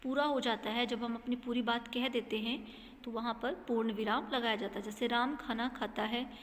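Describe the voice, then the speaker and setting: A woman's voice: fairly high pitch, fairly even intonation, normal speed, long reverb tail. A woman teacher giving a grammar lesson to students, explaining patiently and checking in often. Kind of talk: classroom lesson.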